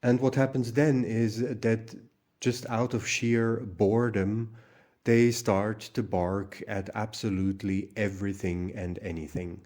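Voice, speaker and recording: A man with a lowish, mellow voice talks to camera for his own channel. He rambles and starts over often, with plenty of ums and uhs. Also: flat delivery, a little slow. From Hungary. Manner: rambling, many fillers and restarts. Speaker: channel host. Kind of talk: casual monologue vlog.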